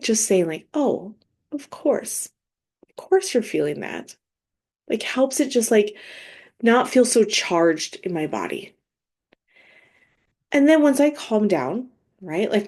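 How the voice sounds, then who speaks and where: A woman grief coach talking gently and conversationally, with frequent fillers, walking listeners through her own coping steps. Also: mid-range voice. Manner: gentle, conversational, many fillers and self-talk. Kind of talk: reflective solo podcast talk.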